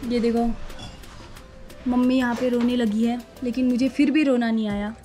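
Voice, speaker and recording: A woman's voice: fairly high pitch, steady tone, normal speed, mellow. A young woman from the Uttarakhand hills, chatting playfully and teasingly as she narrates her wedding photos. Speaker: vlogger, bride. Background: faint background music.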